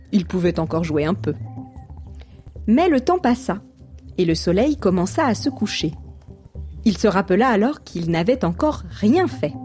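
A woman storyteller reading a folk tale aloud in scripted narration, lively and expressive, with voices for the characters. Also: mid-range voice.

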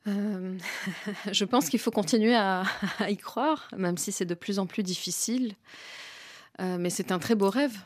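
A woman in her forties, a Lebanese-born author, answering radio interview questions in a halting, emotional way. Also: medium pitch, no room sound, clean studio sound. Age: 40s. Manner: hesitant, halting, emotional, laughs softly. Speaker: guest author and illustrator.

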